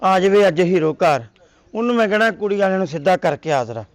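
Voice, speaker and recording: A man acting a gruff, dismissive older village landowner and father in a comic sketch. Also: high voice, animated, fast, no echo.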